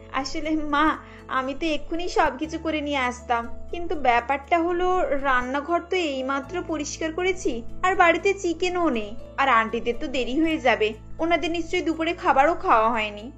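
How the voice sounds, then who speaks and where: A woman's voice: high-pitched, normal speed, fairly bright tone, faint music behind. A woman voicing an overworked young daughter-in-law in a cartoon, tired and complaining. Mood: weary. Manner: tired, complaining under her breath.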